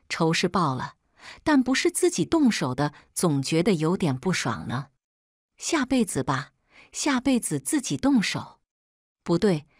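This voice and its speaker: Brief: woman storyteller, first-person narration, low voice with wide swings, bitter edge, dry close sound. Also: no room sound.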